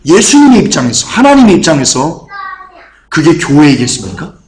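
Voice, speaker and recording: A fervent male preacher with a high voice, delivering a sermon in an echoey church hall. He drives his points home through repetition and rises into shouted calls. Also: big pitch swings, a little fast.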